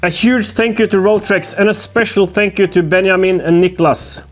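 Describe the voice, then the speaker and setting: A man hosting a workshop vlog, explaining things to camera in a measured, casual way. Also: sits high, fairly even intonation. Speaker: host of a workshop build vlog. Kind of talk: casual scripted narration to camera. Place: workshop room, indoors. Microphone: lapel mic. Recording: music behind the voice.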